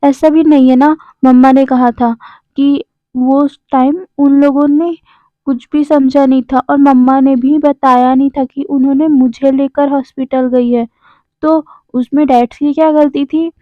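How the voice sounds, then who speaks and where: A woman's voice: sits high, level tone, unhurried, no echo. A woman doing an earnest little boy reasoning. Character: seven-year-old boy, earnest and reasoning. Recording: slightly dull, dry close recording.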